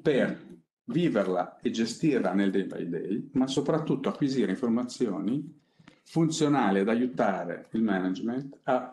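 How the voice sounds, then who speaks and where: A middle-aged man presenting a project on a panel, speaking off the cuff in a halting, conversational way with frequent pauses. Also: on the low side, a little mellow. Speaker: company innovation director presenting a project. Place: conference room seated at a panel table. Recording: echoey conference room.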